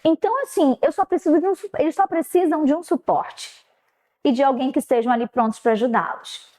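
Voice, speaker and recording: A middle-aged woman teacher tells a classroom story in a casual, brisk way. She acts out the dialogue with lively leaps in pitch.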